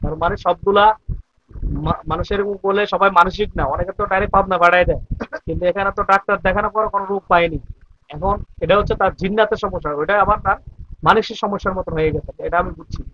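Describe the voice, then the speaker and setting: A man's voice: high voice, fairly even intonation, fast talker, pushed and bright, lo-fi sound, a little hiss or hum. A man working as a religious healer, questioning a family and then preaching to viewers with Arabic blessings.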